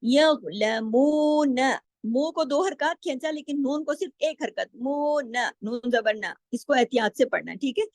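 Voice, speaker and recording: High-voiced woman teaching Quran recitation. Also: expressive, normal speed, hardly any pauses, no room sound. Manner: patient, explains rules step by step and repeats words. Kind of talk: tajweed lesson with slow drawn-out example recitation.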